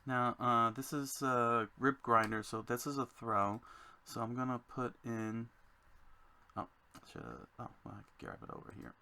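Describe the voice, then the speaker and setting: A man designing a card game, thinking aloud to himself in a slow, musing way as he works. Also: mid-range voice, steady tone, bright, forceful tone, a little hiss or hum.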